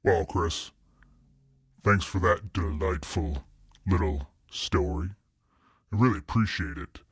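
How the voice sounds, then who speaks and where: A man's voice: low-pitched, takes it slowly, slightly rough, no room sound. A man hosting a podcast, speaking in a dry, teasing way.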